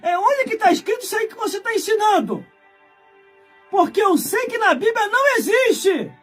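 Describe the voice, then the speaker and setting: A Brazilian preacher in his forties delivers a fiery sermon, shouting, scolding, and repeating himself heavily. His voice is very high and sing-song, at a moderate pace, with faint music in the background.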